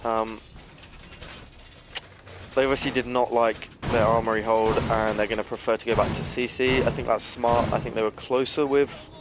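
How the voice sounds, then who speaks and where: Hiccuping throughout, a man casts a competitive shooter match live, breaking down the play in a casual, analytical, filler-heavy way. He's an esports caster with a medium-pitched voice, fairly even intonation, and moderate pace, and the background is noisy.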